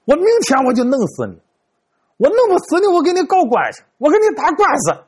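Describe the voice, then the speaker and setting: A man putting on a cranky seventy-two-year-old man, shrill and husky, shouting threats, pitch leaping wildly, folk storytelling. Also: sing-song, fast, heavily acted. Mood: ranting.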